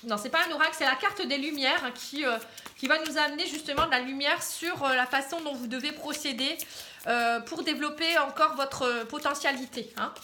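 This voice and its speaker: A woman's voice: high voice, brisk, bright, forceful tone, a little hiss or hum. A woman with a northern French accent from the Pas-de-Calais, giving a chatty, reassuring tarot reading and tagging her phrases with "hein". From Pas-de-Calais, northern France. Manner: chatty, tags nearly every phrase with "hein"; reassuring and encouraging. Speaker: tarot card reader. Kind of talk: casual tarot reading to camera.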